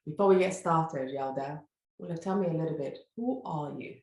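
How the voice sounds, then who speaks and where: A woman's voice: deep voice, moderate pace, a little mellow, reverberant. A woman hosting a podcast interview, effusive and enthusiastic, sometimes stumbling over her words. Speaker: podcast host.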